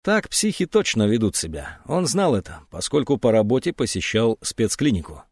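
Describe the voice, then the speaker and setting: A man narrating an audiobook in an expressive reading. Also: medium pitch, normal speed, no echo, studio quality. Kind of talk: scripted narration.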